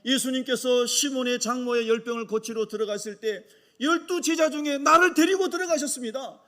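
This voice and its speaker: A pastor voicing the apostle John, confessing. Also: male voice, very high voice, a little fast, a bit bright. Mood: grateful. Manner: earnest first-person confession, subdued. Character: humble hot-tempered male Galilean fisherman apostle, confessing.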